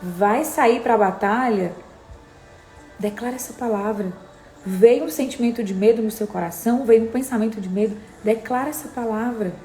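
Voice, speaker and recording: Woman, emphatic devotional preacher, higher voice, roomy echo. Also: normal speed, mellow, soft background music. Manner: emphatic, repeats exhortations to the listener. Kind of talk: morning devotional sermon. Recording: echoey room, faint background noise.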